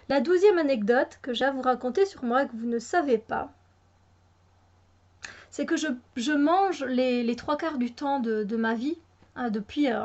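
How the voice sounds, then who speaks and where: A Belgian woman with a high voice talks casually to her viewers, stumbling through restarts and fillers as she goes. Her Belgian French accent colours the chat. The recording is a little dull and lo-fi. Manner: chatty, hesitant with many fillers and restarts. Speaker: YouTuber.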